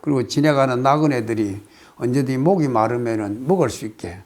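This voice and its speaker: Older Korean monk explaining a text. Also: male voice, medium pitch, expressive, a little mellow. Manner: explains slowly, reciting phrases then paraphrasing, with frequent hesitations. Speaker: Buddhist monk teaching a text. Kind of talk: casual spoken lecture on a classical text.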